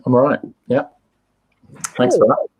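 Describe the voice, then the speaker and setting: An English man appearing as a guest on a fan podcast, speaking in a measured, hesitant way with many fillers. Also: mid-range voice, slightly rough, narrow, tinny audio. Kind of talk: casual fan podcast chat.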